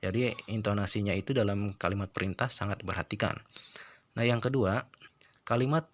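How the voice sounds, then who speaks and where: A man's voice: lowish voice, brisk. A middle-aged male teacher giving a lesson, explaining step by step and often checking in with his listeners. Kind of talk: classroom lesson.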